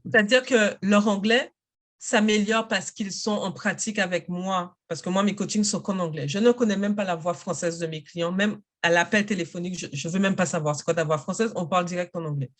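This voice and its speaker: A woman's voice: mid-range voice, a little fast. Self-assured woman, native English speaker. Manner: energetic, emphatic, self-assured. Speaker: interview guest, English coach. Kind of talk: casual interview talk.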